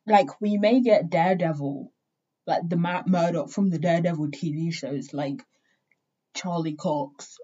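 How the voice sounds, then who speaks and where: A young woman talks unhurriedly, in a husky, breathy voice with a soft, mellow tone, sitting a little low in pitch. She rambles from thought to thought, leaning on fillers and casual swearing. The recording sounds dull and lo-fi. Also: unhurried. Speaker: vlogger. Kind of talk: casual rambling fan talk.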